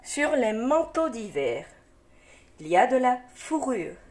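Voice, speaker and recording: A woman's voice: on the high side, very animated, slow, a little mellow. A woman teacher guiding young children through a reading lesson, encouraging them and sounding out syllables patiently. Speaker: primary school teacher.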